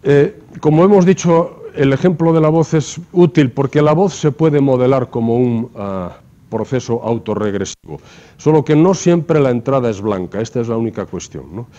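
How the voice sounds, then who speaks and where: A man's voice: medium pitch, moderate pace, warm tone. A man lecturing to a class, explaining step by step and often checking in with rhetorical questions. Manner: explanatory, asks rhetorical questions with frequent tag "¿no?". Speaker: university lecturer. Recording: dull lo-fi lecture recording.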